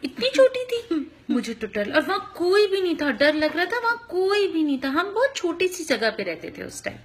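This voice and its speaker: High, lively mother telling children a story. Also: normal speed. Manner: animated, acts out sounds and voices, asks the children questions.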